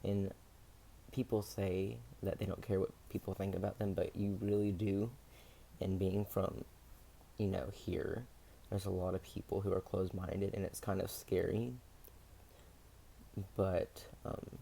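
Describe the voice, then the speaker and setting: Low gravelly man, hesitant. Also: level tone, mellow, a little hiss or hum. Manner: hesitant, many pauses and fillers. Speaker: vlogger. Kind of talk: candid personal video diary.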